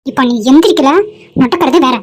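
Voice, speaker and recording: A sharp, scolding cartoon mother, voiced by a woman, high-pitched and fast. She nags her son and snaps at her husband with little patience. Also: noisy background, natural voice. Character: irritated middle-aged town mother nagging her son.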